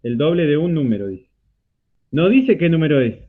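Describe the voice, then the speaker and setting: An Argentine man with a slightly high, very animated voice teaches a math class online at a normal pace. He explains step by step, checking in often with a rising "¿sí?". His computer mic on the video call gives tinny, phone-like audio.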